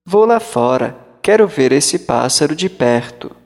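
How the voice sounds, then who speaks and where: A man's voice: fairly high pitch, expressive, measured pace, big-room sound. A man voicing a cheerful, oblivious father who exclaims gladly. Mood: joyful.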